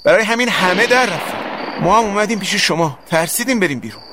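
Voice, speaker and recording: Hurried frightened student, voiced by the narrator; high, noisy, distant. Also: male voice, expressive. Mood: anxious. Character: frightened young male student, quick-talking.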